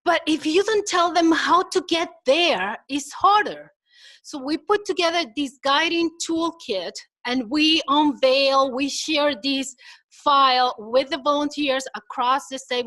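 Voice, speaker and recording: Speaking high and without hurry over poor audio, a Minnesotan-accented woman presents at a conference. Her style is chatty and engaging; she poses rhetorical questions to the crowd and performs quotes in animated voices.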